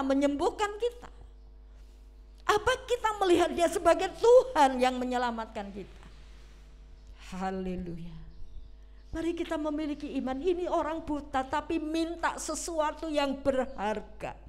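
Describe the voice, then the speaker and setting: A woman's voice: sits high, normal speed, a little mellow. A woman preaching a Sunday sermon, retelling a story dramatically and putting questions to the congregation.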